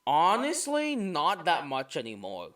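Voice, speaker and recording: A man's voice: on the high side, wildly swooping pitch, unhurried, fairly bright tone. A man co-hosting a casual podcast while playing chess, talking in a slangy, exasperated way. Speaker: podcast co-host.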